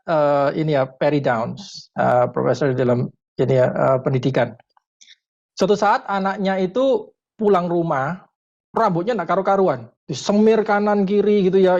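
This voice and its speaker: A man, a parenting educator, answering a question in a webinar consultation, thoughtful and pausing often with fillers, mixing in English terms. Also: high-pitched, a little mellow, highs cut off. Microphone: video call.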